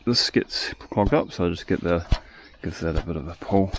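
A man casually explaining his work at an outdoor sawmill yard, recorded on a head-mounted camera, relaxed and thinking aloud. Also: low voice, moderate pace, vocal fry, a little hiss or hum. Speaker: sawmill operator. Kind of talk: casual first-person narration. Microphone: head-mounted action camera.

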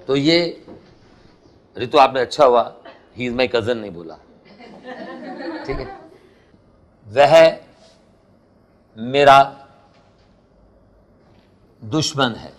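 A man's voice: medium pitch, a bit bright. Male teacher, lecturing a classroom, chatty storyteller. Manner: explains in Hindi with English phrases, quizzes students. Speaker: English teacher. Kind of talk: classroom lesson with anecdotes.

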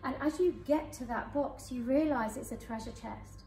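A woman hypnotherapist leading a guided hypnosis session for a live audience in a conference room, speaking in slow soothing suggestions. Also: high voice, dark tone, a little hiss or hum. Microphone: far camera. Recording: echoey room from far off.

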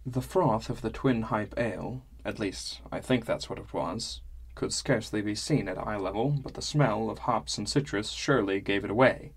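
A man narrating a fantasy audiobook in a measured, wry first-person style. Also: fairly low pitch, breathy edge.

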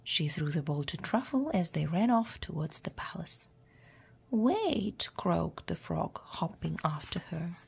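A woman reading a children's storybook aloud in a hushed, half-whispered way. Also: sits low, animated, normal speed, gravelly, few pauses, breathy edge. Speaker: storyteller for English learners.

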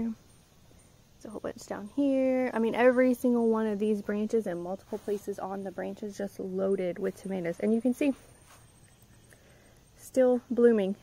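Chatty woman with a gravelly voice. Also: medium pitch, fairly even intonation, unhurried, pauses often, warm tone, low-quality recording. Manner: chatty, rambling, with frequent ums. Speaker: gardening vlogger. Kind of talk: casual garden tour walkthrough. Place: outdoor yard garden. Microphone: handheld phone camera.

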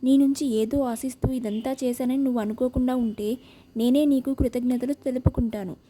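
A woman's voice: high voice, steady tone, a little fast, dark tone. A woman voicing a proud, wealthy young man in a storybook reading, speaking in a cool, dismissive way.

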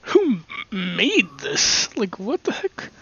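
A bright, breathy voice rambles through a casual let's-play, slipping into muttered whispers and little giggles between remarks. The recording sounds a bit dull and lo-fi, and the delivery is slow and unhurried. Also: medium pitch, huge pitch swings. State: hiccups. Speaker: gameplay commentator.

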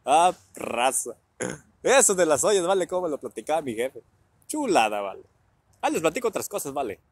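A Mexican man from Guerrero spins casual family anecdotes, laughing often and peppering his talk with crude slang. His voice is slightly husky and his pitch leaps around as he acts out the people in his stories. The sound is close and dry. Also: big pitch swings, moderate pace, dry recording. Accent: Mexican Spanish. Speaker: vlogger telling family anecdotes. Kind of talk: casual storytelling.

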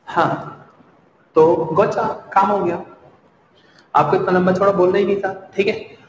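Young guy with a hindi accent teaching english, chatty, reassuring, a bit high voice, echoey room. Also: steady tone, measured pace, slight background noise. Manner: chatty, reassuring, drills pronunciation by repetition. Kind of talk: online spoken-English class. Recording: echoey room with long reverb.

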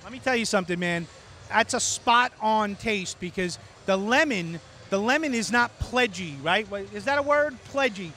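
A man's voice: sits high, lively intonation, moderate pace, pushed and bright, faint music behind. A middle-aged man with a Brooklyn accent hosting casual trade show interviews in a brash, chummy, emphatic way. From New York. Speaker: show host and reviewer. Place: trade show floor booth indoors. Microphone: handheld microphone. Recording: noisy convention hall.

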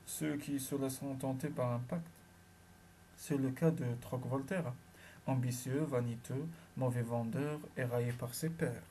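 A man reading the part of a sardonic sea-dwelling telepath in an audiobook, chiding and ironic, with a mellow, dark tone. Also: mid-range voice, steady tone, measured pace, a little hiss or hum, lightly acted.

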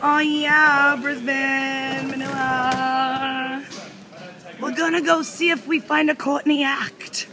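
A woman's voice: sits high, flat delivery, slow pace, over loud music. A tipsy American woman with a wry, jokey manner, chatting casually for a vlog while walking outdoors in a city. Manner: wry and jokey, with loud whoops. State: drunk. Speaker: vlog co-host. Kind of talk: casual travel vlog chat. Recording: street noise behind.

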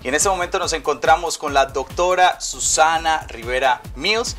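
A man's voice: on the high side, normal speed, a bit bright, soft background music. A man in his thirties hosting a TV interview in an upbeat, welcoming way. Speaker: TV host. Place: office, indoors. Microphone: lapel.

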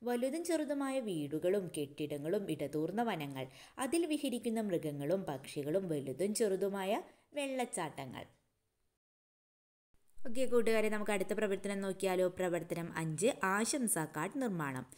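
A woman's voice: mid-range voice, animated, moderate pace, darkish tone. A woman teacher going through exam answers for young children, asking questions and answering them herself, with English words mixed in. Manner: mixes English words into her talk.

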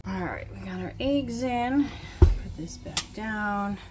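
A woman's voice: medium pitch, takes it slowly. A woman casually talking through her cooking in a home kitchen, thinking aloud as she works. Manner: relaxed, thinking aloud while working. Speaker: home cook vlogger. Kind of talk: casual cook-with-me narration. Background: loud background music.

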